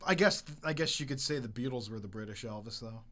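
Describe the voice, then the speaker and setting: A man's voice: mid-range voice, fast, sharp tone. A young man co-hosting a podcast in casual chat, jokey and easily sidetracked. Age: young adult. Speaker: podcast co-host.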